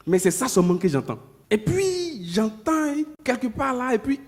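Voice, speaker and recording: A man preaching a sermon, talking conversationally with the congregation, repeating himself, and moving between loud emphatic peaks and low murmured asides. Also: very animated, moderate pace. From Ivory Coast.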